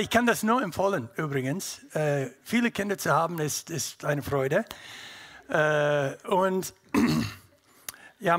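This middle-aged North American, a native English speaker, delivers a personal testimony to an audience in German, his English-speaking North American accent clear and his words sought as he goes. His voice is high-pitched and a little bright.

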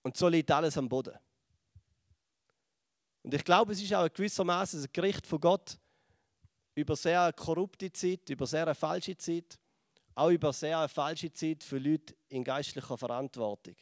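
A man with a Swiss German accent preaching a sermon, telling a Bible story in lively fashion and dropping to a hush at moments. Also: a little high, normal speed, no echo, studio quality. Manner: lively storytelling, acts out voices and drops to a hush.

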